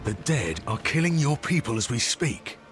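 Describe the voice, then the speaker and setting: An actor playing a stern, steadfast wandering hero in a video game, with measured, terse delivery. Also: male voice, medium pitch, sing-song, faint music behind, natural voice. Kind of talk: dramatic video game acting.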